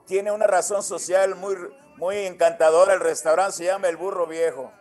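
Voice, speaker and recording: A man with a Mexican accent, a singer chatting warmly and familiarly as a guest in a radio interview. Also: sits high, fairly even intonation, normal speed, faint music behind. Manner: friendly, familiar, addresses the host as friend.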